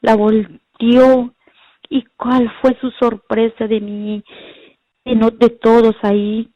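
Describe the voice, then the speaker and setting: A middle-aged mother gives an earnest, prayerful faith testimony, often addressing her listeners as brothers and sisters. Her fairly high voice is flat and slow. The recording has no echo but sounds dull and lo-fi.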